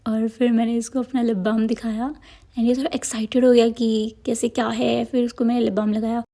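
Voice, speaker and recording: Young woman, vlogger, chatty and rambling, filler words, somewhat high voice. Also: level tone, a little fast, warm tone. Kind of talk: casual vlog narration.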